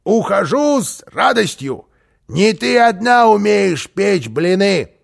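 A man's voice: very high-pitched, big pitch swings, takes it slowly, creaky, husky, pitched above the performer's own voice, heavily acted. A man voicing a cocky, mischievous little man who teases with smug triumph. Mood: haughty.

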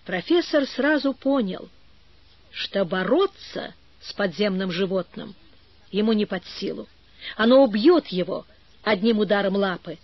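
A woman narrating an adventure story as an audiobook, in a measured storytelling manner. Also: medium pitch, lively intonation, no room sound, muffled recording. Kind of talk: audiobook reading.

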